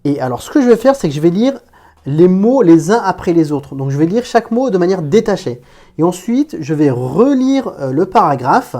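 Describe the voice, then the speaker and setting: A woman's voice: on the low side, big pitch swings, normal speed, warm tone. A woman teaching an Arabic reading lesson, patiently reading word by word and explaining pronunciation.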